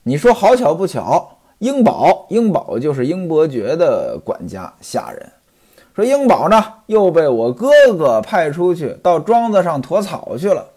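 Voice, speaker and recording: A man's voice: a little high, wildly swooping pitch, unhurried, warm tone, breathy edge. A man telling and explaining a classic story, chatting directly to his listeners. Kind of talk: storytelling commentary on a classic novel.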